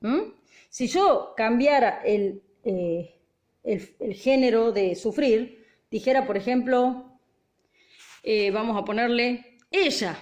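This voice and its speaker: A woman teacher walks through a grammar lesson in a high voice. She speaks slowly and patiently, pausing often to make sure her students are following. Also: darkish tone. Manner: patient, asks frequent check questions. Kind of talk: grammar lesson, explaining at a board.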